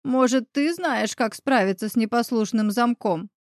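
A friendly, easygoing neighbor man with a beard, gently teasing and persuasive, as a woman narrator reads him. The voice sits fairly high and is recorded dry and close, in an audiobook. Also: moderate pace, no echo, natural voice.

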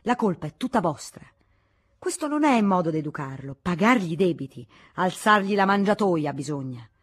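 A woman's voice: mid-range voice, animated, a little fast, darkish tone, breathy edge. A woman voicing a blustering old monk. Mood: scolding. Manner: scolding, blustering.

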